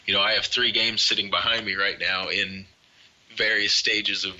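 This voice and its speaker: A relaxed, helpful man talks as a podcast guest in a fairly low, very bright and sharp voice. His audio comes through dull and lo-fi, as though recorded remotely. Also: moderate pace. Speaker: podcast guest, arcade collector. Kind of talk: casual podcast chat.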